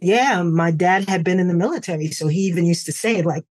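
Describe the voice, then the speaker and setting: Storytelling New woman, lowish voice. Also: fairly quick. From New York, USA. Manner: relaxed storytelling with frequent "like" and "you know". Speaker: podcast guest. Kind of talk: conversational interview.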